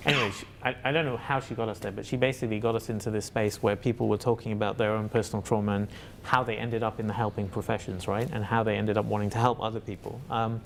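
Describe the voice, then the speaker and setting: A man's voice: lowish voice, steady tone, fast talker, creaky, hardly any pauses, a little hiss or hum. A man talking as an interview guest about his work as a facilitator, in a reflective and hesitant way with many fillers and restarts. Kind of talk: reflective conversational answer.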